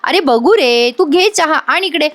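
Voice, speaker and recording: A woman's voice: high-pitched, expressive, measured pace, a bit bright, voice pushed up. A woman doing a fussing young bride. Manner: bossy, affectionate scolding. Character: cheerful young bride fussing over husband.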